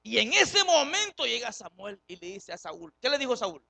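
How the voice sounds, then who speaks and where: Gravelly, impassioned preacher. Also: medium pitch, sing-song, normal speed, bright, forceful tone, no echo. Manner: impassioned, acts out biblical dialogue; questions the congregation directly. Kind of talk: sermon. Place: church service, streamed live.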